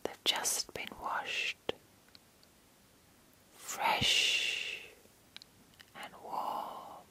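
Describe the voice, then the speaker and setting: A woman leading an ASMR guided meditation in a whisper, with repetitive, deliberate phrasing and long pauses. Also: pushed and bright.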